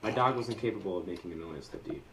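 A man co-hosting a casual podcast, reading listener stories aloud and tossing in deadpan jokes. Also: low voice, racing. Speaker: podcast co-host. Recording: roomy sound from a distant mic with faint noise.

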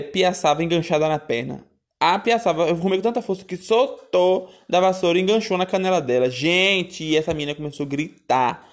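Animated woman telling stories. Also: on the low side. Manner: animated, exclamatory, addresses listeners as "minha filha". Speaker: storyteller. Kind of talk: casual personal storytelling.

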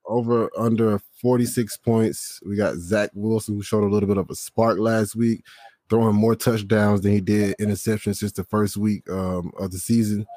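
A man hosting a fantasy football podcast, leading the segments in casual chat and tossing questions and shout-outs to his co-hosts. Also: lowish voice, little pitch movement, normal speed, dry recording, clean studio sound.

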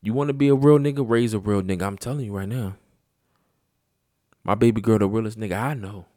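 A man's voice: on the low side, a little fast, mellow, dry recording, clean studio sound. A sleepy man rambling profanely in a casual late-night monologue from his room, repeating himself as he talks. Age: adult father. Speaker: host.

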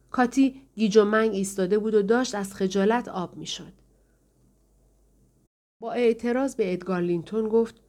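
Woman narrating an audiobook. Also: medium pitch. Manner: steady storytelling, voicing the characters in turn. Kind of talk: scripted narration.

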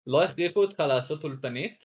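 A man's voice: a little high, breathy edge. Young man on a dull-sounding microphone. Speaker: podcast co-host. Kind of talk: casual chat.

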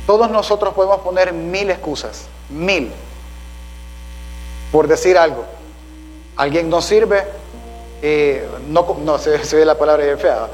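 A man's voice: on the high side, slight background noise, poor audio. A man preaching a sermon as a pastor, calling listeners "brother" and asking them rhetorical questions.

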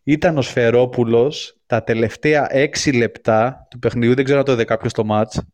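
A man's voice: medium pitch, fairly even intonation, a little mellow. A man calling in to a casual chat show, talking about basketball with many fillers and restarts. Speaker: caller.

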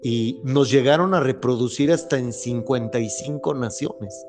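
A man's voice: medium pitch, normal speed, darkish tone, faint music behind. Earnest man hosting a faith podcast. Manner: earnest, rambling, with frequent restarts and fillers. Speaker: podcast host. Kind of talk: casual faith-based podcast conversation.

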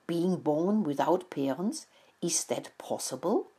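A woman's voice: low-pitched, expressive, slow, mellow, slightly rough, full character voice. A woman voicing a kind, sympathetic young female mouse in a storybook reading.

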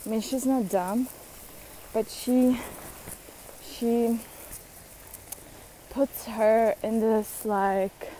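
Slow-talking young woman venting casually. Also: fairly high pitch, steady tone, dark tone, slight background noise, low-quality recording. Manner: chatty, blunt, swears, many fillers. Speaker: vlogger.

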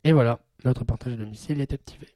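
Laid back guy doing a tech demo podcast, mellow voice, hesitant, dry but kinda crappy low quality sound. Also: fast, dry recording. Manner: informal, hesitant, thinking aloud. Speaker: podcast host giving a tech tutorial. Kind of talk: casual spoken demonstration. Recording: low-quality sound from an old mixing desk.

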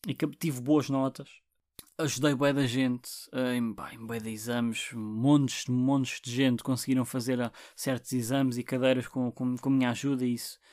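This podcast host, a man in his twenties with a European Portuguese accent, runs a relaxed solo show full of profanity, tangents, fillers and repeated restarts. The recording is clean studio sound with no echo, capturing his mid-range, darkish voice.

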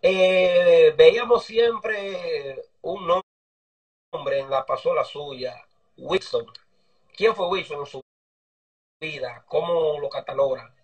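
A man's voice: a little high, takes it slowly. A man interviewing a mechanic over a video call, asking friendly, chatty questions. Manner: polite, chatty questioning with fillers. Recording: distant video call audio.

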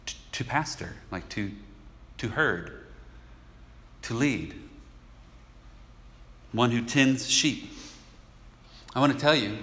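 A man's voice: medium pitch, pushed and bright. A man preaching a sermon as pastor, conversational and emphatic, with casual asides. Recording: echoey hall with long reverb.

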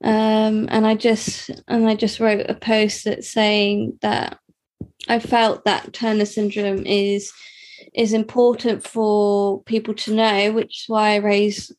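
Slow, hesitant young woman. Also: mid-range voice. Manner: hesitant, many fillers and restarts. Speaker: interviewee. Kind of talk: personal interview.

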